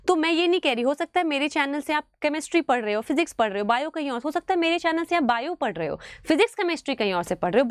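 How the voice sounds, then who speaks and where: A high-pitched woman teaches biology in an exam-prep lecture. Her voice swings widely as she coaxes students and slowly drills key words. The sound is dry and close. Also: no room sound. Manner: animated, mixes English into Hindi, calls students "beta".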